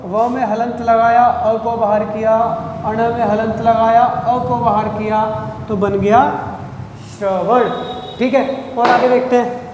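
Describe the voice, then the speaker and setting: A man with a very high voice teaches a grammar lesson, stretching each syllable and firing questions at his students. The room rings with a long, hollow reverb, and a faint hiss sits under his voice. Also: level tone. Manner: drawn-out, repeats syllables, quizzes listeners.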